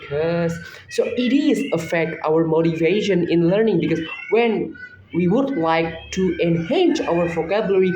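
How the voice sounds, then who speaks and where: A young man with an Indonesian accent talks through assignment questions in a loose, reflective way, often breaking off to restart his sentences. His voice sits a little high for a man. The recording is roomy and slightly dull. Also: dark tone, a little hiss or hum. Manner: casual and reflective, with frequent restarts. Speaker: student. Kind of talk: spoken assignment answering questions.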